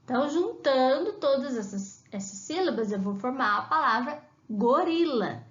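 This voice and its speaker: A woman's voice: high-pitched, expressive, moderate pace, fairly bright tone. A woman teacher with a Brazilian Portuguese accent, explaining a remote lesson to young children and patiently sounding out syllables. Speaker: primary school teacher. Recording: echoey room, dull lo-fi sound.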